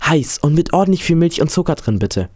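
A man's voice: fairly high pitch, big pitch swings, brisk, dry recording, clean studio sound, pitched above the performer's own voice. A man reading a storybook aloud, voicing a loyal, tearful young fisher boy in a raised, earnest tone.

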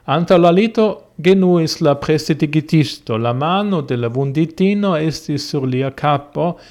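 A man with a fairly high voice reads a novel aloud. His audiobook narration is measured and even.

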